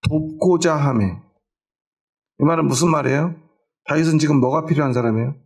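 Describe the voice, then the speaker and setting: A man's voice: a little high, fairly quick, creaky. A middle-aged male pastor preaching a sermon, asking the congregation questions and answering them himself, with homely everyday stories. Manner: tells homely everyday stories to make his point. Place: church.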